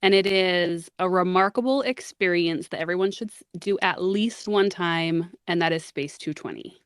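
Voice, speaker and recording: A woman's voice: fairly low pitch, moderate pace, clear, resonant tone, dry recording, clean studio sound. A woman chatting casually as a panelist in a draft game. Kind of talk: casual chat.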